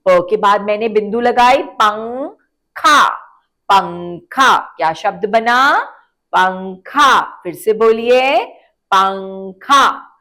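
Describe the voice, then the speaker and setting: A woman teaches young children a slow, drawn-out phonics lesson, stretching out and repeating words. She asks the kids questions and then answers them, her mid-range voice slow and fairly bright.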